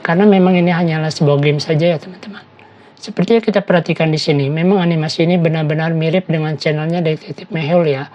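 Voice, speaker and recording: A woman narrating a screen-recorded app tutorial, giving steady step-by-step instructions and talking to viewers as friends. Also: low voice, fast talker.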